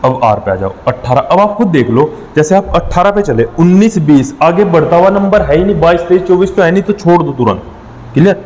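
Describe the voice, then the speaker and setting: A man's voice: on the high side, animated, brisk, a little mellow, long reverb tail, rough recording. A man teaching an exam-prep reasoning lesson, working through problems step by step and counting numbers aloud with frequent checks on his students.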